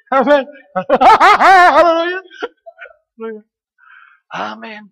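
Female preacher with a gravelly voice, animated, punctuates with hallelujahs, long hall reverb. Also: mid-range voice, dull audio. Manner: animated, frequent hallelujahs and amens, rhetorical questions. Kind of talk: sermon.

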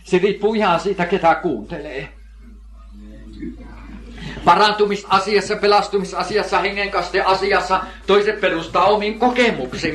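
High, bright-voiced older male preacher. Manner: emphatic, repeats key phrases, asks and answers his own questions. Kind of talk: sermon.

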